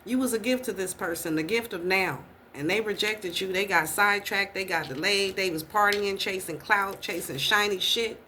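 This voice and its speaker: A woman's voice: mid-range voice, moderate pace, few pauses, sharp tone. Woman, tarot reader, blunt, swearing, repeated questions, noisy recording. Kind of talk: casual tarot reading.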